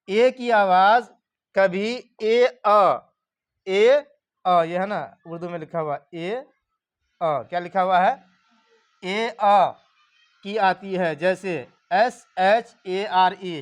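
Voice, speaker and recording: Slow, high-voiced man teaching class. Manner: call-and-response drilling, repeats questions to the class. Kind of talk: classroom grammar lesson.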